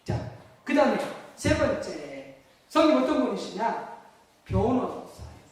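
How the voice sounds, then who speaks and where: A male pastor preaches in a question-and-answer way, putting questions to the congregation and answering them himself. His voice sits high for a man, and it rings through a very echoey church hall, picked up by a mic well away from him, with a faint room hum behind. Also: very animated, measured pace, far from the mic. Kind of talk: sermon.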